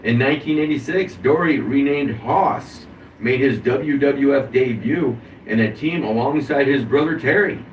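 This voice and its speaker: A man's voice: mid-range voice, a little slow. A man, hosting a casual wrestling podcast, reading through a wrestler's career with offhand asides. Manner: reads a career recap with asides. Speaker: podcast host. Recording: dull, roomy, distant mic with hiss.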